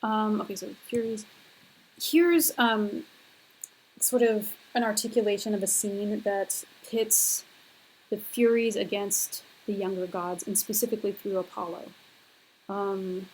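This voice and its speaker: A woman's voice: mid-range voice, a little hiss or hum, rough recording. A young woman lecturing on a recorded university class, talking casually and hesitantly with many fillers.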